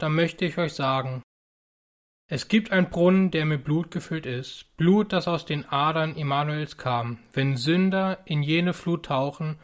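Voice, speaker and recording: A man preaches with earnest urgency, pressing warnings on his listeners. His voice sits a little high for a man, and he speaks in the measured cadence of a sermon.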